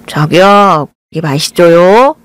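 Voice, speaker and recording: A woman's voice: mid-range voice, unhurried, darkish tone, no echo, close to an everyday voice. Playful young groom, voiced by a woman, coaxing, light, dry sound.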